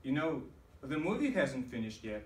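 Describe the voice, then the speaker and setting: A man voicing a calm, courteous female flight attendant in a roomy hall away from the mic. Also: mid-range voice, normal speed, recorded from a distance, background noise, natural voice.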